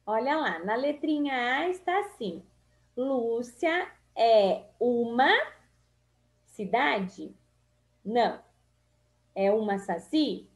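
A Brazilian woman teacher slowly reading through a children's spelling lesson, drawing out each word in a sing-song way. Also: a little high, darkish tone. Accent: Brazilian Portuguese. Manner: drawn-out, sing-song words for small children. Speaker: primary school teacher. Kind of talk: slow, syllable-by-syllable reading lesson.

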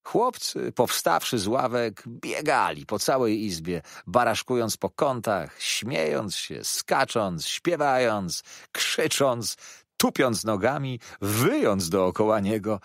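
A man narrates a classic novel in an expressive, dramatic reading. His voice sits fairly low but moves with lively swings in pitch. The recording is dry and close. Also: gravelly, no room sound. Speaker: audiobook narrator. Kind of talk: scripted audiobook narration.

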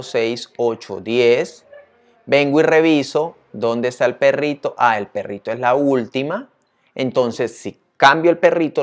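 Guy teacher, chatty and upbeat, keeps asking the viewer stuff, mid-pitched voice. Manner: lively, chatty, asks the viewer questions often. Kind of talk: screen-share tutorial.

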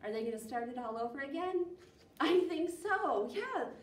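Leading storytime in a small indoor library room, a thirtyish woman gives a picture book a lively, expressive reading in a high-pitched voice at a moderate pace. A far-off camera captures her, leaving the audio roomy with a trace of noise.

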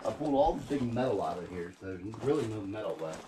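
A man's voice: on the low side, quick pace. A middle-aged man giving a casual, rambling tour of his land outdoors, recorded on a body-worn camera. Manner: rambling, animated storytelling with laughs. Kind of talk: casual chat. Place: outdoors in woods and an old barn. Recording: loud outdoor noise.

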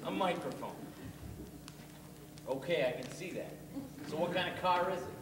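A man's voice: on the high side, normal speed, natural voice. A man playing a cynical ex-convict blues musician in a stage play, blunt and sarcastic. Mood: demanding. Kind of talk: amateur stage play acting. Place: theatre stage, camera far off. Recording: distant, echoey stage, clear noise.

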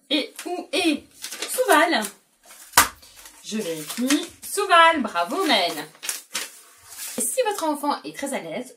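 A woman's voice: on the high side, distant mic, background noise. A woman educator explains a syllable game to parents and plays it patiently with a young child, praising often. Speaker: educator presenting a learning game.

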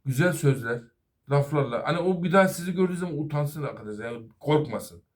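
A man's voice: a little high, animated, quick pace. A middle-aged man, a master auto mechanic, giving an earnest safety talk to fellow workers and apprentices. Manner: earnest, advising, repeatedly addressing "arkadaşlar".

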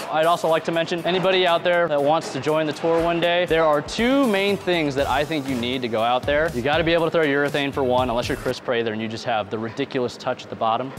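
A man in his thirties, a pro bowler, explaining his equipment casually while bowling in an alley, on a lapel mic. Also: a little high. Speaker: pro bowler and video host. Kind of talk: casual instructional vlog. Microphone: clip-on lapel mic.

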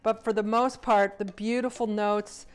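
A middle-aged woman, an executive chef, demonstrating sauces in a large home kitchen, talking in a relaxed, enthusiastic way with some fillers. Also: medium pitch, measured pace, clean tone. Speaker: cruise line executive chef. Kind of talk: cooking demonstration.

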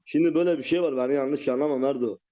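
A man on a live stream who talks calmly and pleadingly, urging someone to settle down. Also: mid-range voice, very fast. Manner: calming, pleading, repeatedly urging calm. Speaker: livestreamer. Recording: muffled lo-fi stream audio.

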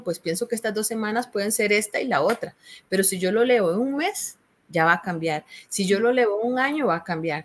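A university tutor with a Costa Rican Spanish accent patiently explains a course assignment, often checking in with "¿verdad?". Her voice is mid-range and a bit bright.

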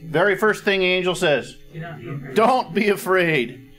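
A man's voice: high voice, lively intonation, unhurried, fairly bright tone, faint music behind. A middle-aged man preaching a sermon on a church stage, teaching in a conversational way and checking in with his listeners. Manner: conversational teaching, frequent "all right?" check-ins; clears throat now and then. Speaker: pastor. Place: church stage with a cozy fireplace set.

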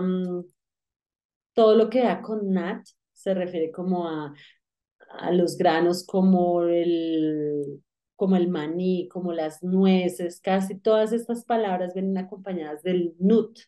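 A woman teaching English in a relaxed lesson, repeating words and explaining pronunciation. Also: on the low side. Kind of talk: casual online English lesson.

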